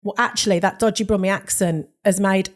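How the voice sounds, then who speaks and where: Lively woman with a Brummie accent. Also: medium pitch, fairly quick. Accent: Birmingham. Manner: lively storytelling, acting out quoted dialogue. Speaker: guest, brand and vision specialist. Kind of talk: podcast interview.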